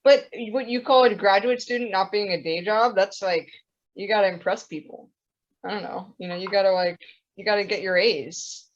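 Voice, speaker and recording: A woman's voice: mid-range voice, normal speed. A young woman chatting casually on a podcast, rambling with plenty of fillers. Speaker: podcast co-host. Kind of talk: casual chat. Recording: dull lo-fi audio.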